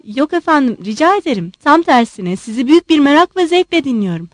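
A woman's voice: high voice, big pitch swings, fast talker, no echo, studio quality. A woman voicing a polite young prince. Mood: courteous. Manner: courteous, soothing. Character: gentle young male prince, polite and calm.

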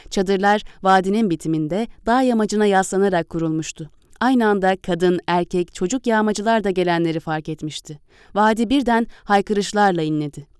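A woman reading a historical novel aloud as an audiobook narrator, in a measured, deliberate way. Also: medium pitch, a little mellow, smooth, no echo, studio quality.

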